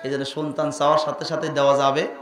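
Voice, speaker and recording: A man preaching a sermon, swinging from quiet questions to loud chanted outbursts and urging the crowd to answer louder. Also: fairly high pitch, flat delivery, quick pace. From Bangladesh. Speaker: preacher at a religious gathering. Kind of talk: impassioned Islamic sermon with sung passages. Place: large religious gathering. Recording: echoey venue with faint music.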